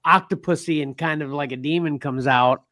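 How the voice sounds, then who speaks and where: Guy hosting a podcast, kinda high voice, rambly, dry close sound. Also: normal speed, sharp tone, no echo. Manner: rambling, restarts, laughs often. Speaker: podcast host. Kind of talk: casual chat.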